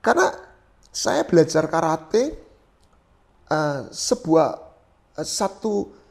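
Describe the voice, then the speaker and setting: Middle-aged pastor guy from east java telling his testimony, voice jumps all over, goes loud then hushed. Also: fairly high pitch, slow pace, vocal fry. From East Java, Indonesia. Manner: animated storyteller, swings loud and soft, acts out his own prayers; drops English phrases into his talk. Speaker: pastor, guest. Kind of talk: personal testimony in an interview.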